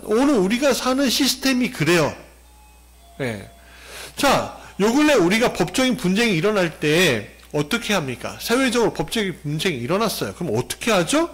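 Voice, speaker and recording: A man's voice: high voice, a bit bright. A male pastor giving a sermon, explaining step by step and putting questions to the congregation.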